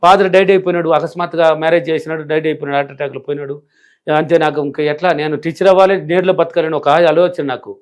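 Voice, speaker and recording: Middle-aged village guy, spiritual teacher in an interview, hammers points over and over, talks fast and a bit high. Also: fairly even intonation. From rural India. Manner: emphatic and repetitive, driving points home. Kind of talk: interview answers.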